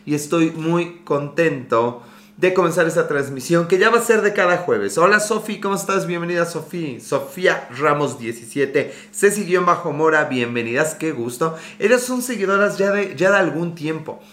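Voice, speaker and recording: A man with a Mexican Spanish accent hosts a casual livestream in an echoey room, his slightly sore throat audible. His voice is on the high side, animated, and a bit bright at a moderate pace. Chatty, he greets viewers by name, jokes, and wanders off on tangents.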